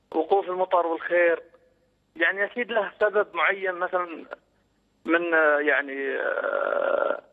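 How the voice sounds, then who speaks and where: A man phones in to a religious show, polite and halting, full of fillers. He talks quickly in a fairly high voice. The line is tinny and thin, with a lingering reverb. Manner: polite, hesitant, with many fillers. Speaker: caller.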